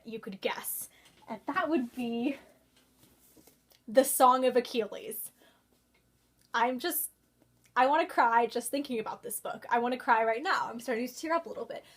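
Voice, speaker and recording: A young woman chatting about her favorite books in a casual vlog, gushing and excitable, quick to exclaim. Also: fairly high pitch. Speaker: book vlogger. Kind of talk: casual book review vlog.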